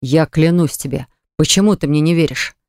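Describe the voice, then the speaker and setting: A man's voice: a little high, moderate pace, no echo, studio quality, close to an everyday voice. A man voicing a jealous young ex-fiancé who pleads earnestly to win her back, in an audiobook. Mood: pleading. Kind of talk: audiobook dialogue reading.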